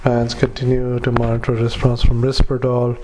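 Man dictating flat clinical notes. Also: medium pitch, background noise. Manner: halting, many "uh" fillers, speaks punctuation aloud. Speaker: psychiatric clinician.

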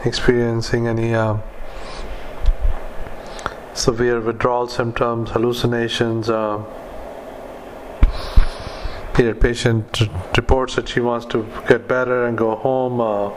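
Guy doing medical dictation, really monotone, clipped phrases, bit of background noise. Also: mid-range voice, a little slow, low-quality recording. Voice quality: flat, monotone delivery. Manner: clipped fragments, spoken punctuation and formatting commands. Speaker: clinician dictating patient notes.

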